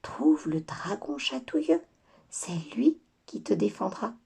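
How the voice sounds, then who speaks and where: A woman voicing a gentle little female firefly in a whispered role-play within a storybook. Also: medium pitch, lively intonation, moderate pace, gravelly, slightly rough, heavily acted. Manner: soft whisper.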